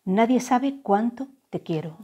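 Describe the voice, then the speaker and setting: Soft-spoken woman reading tarot, warm and breathy. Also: a little high, expressive, muffled recording. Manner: slow, soft, drawn-out channeled phrases. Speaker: tarot reader. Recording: faint background music.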